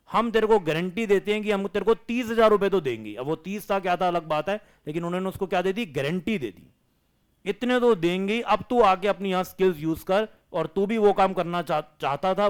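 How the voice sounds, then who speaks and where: A man's voice: high-pitched, clean tone. Indian male teacher dictating notes. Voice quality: Hindi-English code-mixing. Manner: slow dictation of notes, asks the class questions. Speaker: commerce teacher. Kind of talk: classroom lecture, dictating notes.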